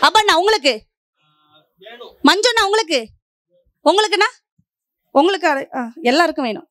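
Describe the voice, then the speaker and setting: A woman's voice: very high voice, expressive, moderate pace, sharp tone, no echo. A middle-aged woman from Puducherry giving a stage debate speech, declaiming in rhythmic parallel lines and pressing her point. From Puducherry, India. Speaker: debate speaker.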